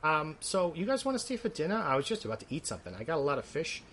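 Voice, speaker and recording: A man's voice: fairly high pitch, very animated, fast talker, fairly bright tone, slight background noise. A man voicing a chatty, rambling old male brass dragon who is fussy and easily offended.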